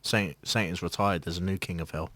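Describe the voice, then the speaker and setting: A man's voice: deep voice, steady tone, brisk, pushed and bright. A man hosting a podcast, chatting casually and laughing often. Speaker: podcast host.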